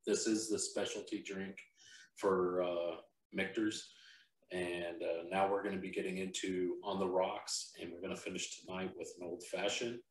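A man's voice: low-pitched, level tone, moderate pace. A man hosting a casual whiskey-tasting chat, talking loosely with lots of fillers. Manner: laid-back, rambling with fillers. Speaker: podcast host. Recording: roomy, from a distance.

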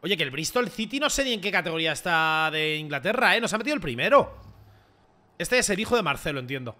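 A man giving excitable gameplay commentary, repeating phrases and bursting into shouts. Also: on the high side, fast. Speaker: gaming YouTuber.

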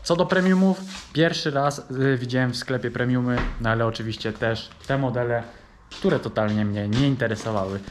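A man's voice: mid-range voice, moderate pace, a little hiss or hum. Chatty young man vlogging to viewers. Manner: chatty, addresses viewers directly. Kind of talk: casual vlog narration. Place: in a car and in shops, later at home.

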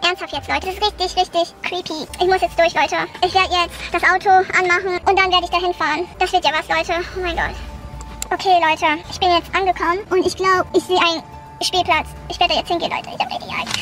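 A young woman talks her viewers through a nighttime horror challenge vlog, sounding anxious throughout. Her voice is sped up to a squeaky, extremely high pitch. Clear background music runs underneath her. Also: fairly even intonation, fast, fairly bright tone. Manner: anxious, keeps calling the viewers "Leute". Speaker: vlogger. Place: in a car and outdoors at night.

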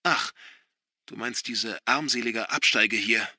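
A man's voice: fairly low pitch, slow pace, no echo, studio quality, exaggerated voice. A man playing a hurt, defiant young man. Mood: defiant arguing. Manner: defensive, rising to shouts.

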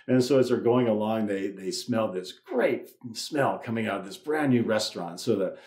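A man's voice: fairly low pitch, moderate pace, darkish tone. Guy giving an easter sermon in a church, loose chatty way of talking, lots of restarts, roomy echo. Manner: conversational, with many restarts and repeated words. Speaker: priest. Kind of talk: Easter sermon with a told joke.

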